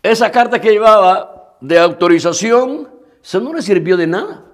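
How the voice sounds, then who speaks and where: A man's voice: high-pitched, lively intonation, normal speed. A male pastor preaching a sermon, speaking earnestly and directly to the congregation, repeating phrases and restarting lines as he goes.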